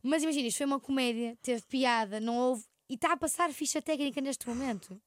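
A young woman with a European Portuguese accent, her voice sitting high and bright in pitch. She chats casually as a podcast co-host and tells stories with a lot of animation. The sound is dry and close to the mic. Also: fast, dry recording. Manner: animated storyteller, acts out friends' lines. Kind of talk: casual chat.

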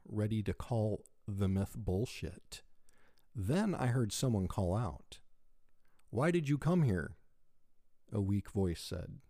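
A man narrating a horror story in a slow, measured way. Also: lowish voice, mellow, dry recording, clean studio sound. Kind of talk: scripted narration.

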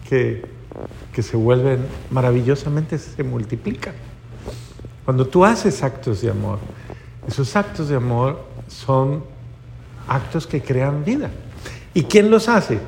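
Animated storytelling male preacher. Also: medium pitch, measured pace, creaky, pauses often, a little hiss or hum. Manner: storytelling, animated, addresses audience. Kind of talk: sermon.

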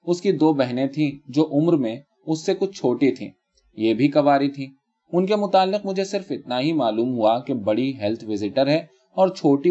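A man reading a literary short story aloud as narrator, calm and measured. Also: mid-range voice, highs cut off.

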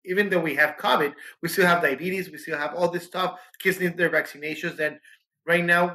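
A man's voice: a little high, pushed and bright, rough recording. A man from Mexico, a pediatrician answering interview questions animatedly with frequent restarts.

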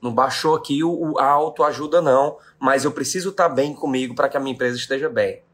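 A man's voice: medium pitch, fast, a bit bright. Brazilian man giving a business pep talk. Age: 30s. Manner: emphatic, repeats key questions, addresses audience as "gente". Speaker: business owner hosting a live stream.

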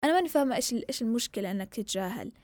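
Young woman ranting fast, mixes in english, kinda high voice, dry close sound. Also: no echo. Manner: switches between Arabic and English mid-sentence; animated, rhetorical questions. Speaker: vlogger. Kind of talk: casual monologue.

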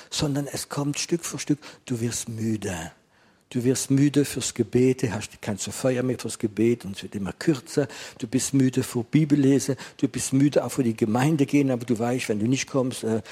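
A man's voice: medium pitch, a little mellow, husky. A man preaching a sermon, asking the listener questions and repeating phrases for emphasis.

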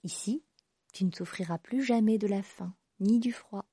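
A gentle grandmother's spirit soothes and comforts in a soft, mellow voice, as a woman reads her. The voice has a slightly husky edge in a dry, close room. It is a storybook reading. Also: mid-range voice, normal speed, no room sound. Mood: soothing.

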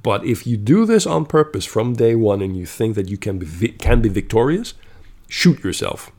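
A man's voice: on the low side, sing-song, normal speed, darkish tone. A man telling a story in a casual monologue, blunt and profane, growing exasperated and checking in with "okay?".

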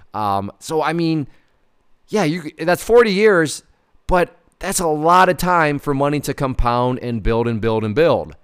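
In a fairly high-pitched, clean voice, a man in his thirties gives conversational commentary on a personal finance article, partly read aloud. As host, he keeps it informal, emphasizing points strongly and repeating words.

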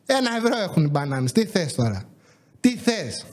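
A man hosting a podcast, telling exasperated comic stories from his supermarket job and acting out the dialogue. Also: a little high. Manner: animated, exasperated, acts out dialogue. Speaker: podcast host, supermarket worker. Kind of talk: comedic storytelling.

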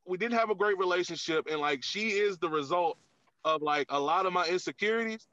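A man's voice: high-pitched, brisk, a bit bright, dry recording. A man, a comedian guest on a podcast, talking candidly in casual chat with lots of filler words. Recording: dull, lo-fi, dry sound.

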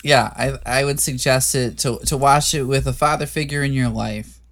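A man's voice: medium pitch, fairly even intonation, moderate pace, fairly bright tone. A man hosting a podcast in casual chat, hesitant and often restarting his sentences. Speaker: podcast host.

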